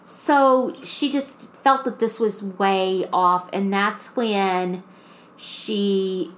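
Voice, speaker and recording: A woman co-hosting a podcast, telling a creepy story in casual chat with drawn-out, restarting phrases. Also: mid-range voice, fairly even intonation. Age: adult mother. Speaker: podcast co-host.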